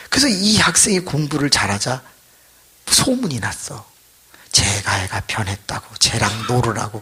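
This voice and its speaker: A man pastor preaching a revival sermon, telling a story with animated, acted-out voices. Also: mid-range voice, slightly rough.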